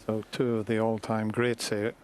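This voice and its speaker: A man giving hushed, measured and understated live snooker commentary. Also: on the low side, little pitch movement, background noise.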